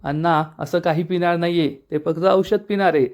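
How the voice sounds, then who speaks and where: A man's voice: a little high, fairly even intonation, moderate pace, darkish tone, lightly acted. A man doing a firm caring young woman.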